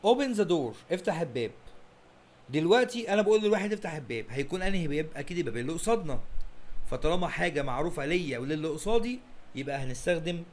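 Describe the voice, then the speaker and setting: A man's voice: a little high, expressive, racing. A man with an Egyptian Arabic accent giving an exam-prep English lesson, asking the students' questions himself and then answering them, and repeating key points. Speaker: English teacher.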